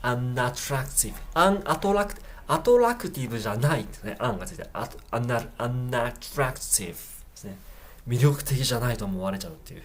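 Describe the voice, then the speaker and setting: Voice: medium pitch, lively intonation. Japanese English teacher drilling pronunciation. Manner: repeats phrases very slowly, then explains casually. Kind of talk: pronunciation lesson.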